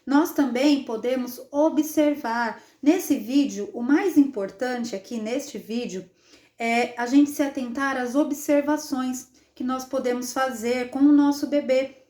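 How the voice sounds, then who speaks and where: A Brazilian woman with a high, bright voice gives an instructional demonstration as a child development specialist. She explains patiently and keeps checking in with short tag questions. Her voice carries a roomy echo from an indoor room. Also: measured pace. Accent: Brazilian Portuguese. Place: indoor room, playing with a baby.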